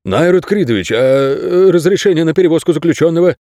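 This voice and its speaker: A jittery young prison guard, as a male audiobook reader puts him on, with a voice pitched well above the reader's own and a lively, fretful rise and fall. He stammers and digs in his heels, close and dry on the mic. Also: no echo. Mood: stubborn, flustered. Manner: hesitant, stubborn, quick. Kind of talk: audiobook character voice.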